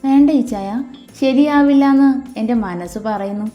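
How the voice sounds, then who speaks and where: A woman's voice: high voice, moderate pace, lo-fi sound, lightly acted. A woman voicing a shy, affectionate young woman who talks coaxingly to her sweetheart. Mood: pleading. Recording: echoey room with soft music.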